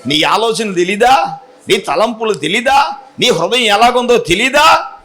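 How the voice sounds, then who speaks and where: A pastor preaching a sermon in church, animated and teasing, calling on the congregation to answer aloud. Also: male voice, sits high, a little slow.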